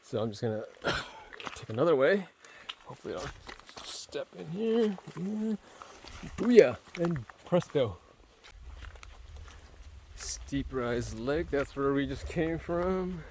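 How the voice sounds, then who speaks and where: A man's voice: medium pitch, lively intonation, slow, pauses often, a little mellow, slight background noise. Worn-out man rambling on a trail. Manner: rambling, swears freely, many fillers. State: tired and sore from hiking. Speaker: vlogger on a solo hike. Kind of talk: casual hiking vlog narration. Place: outdoors on a forest trail.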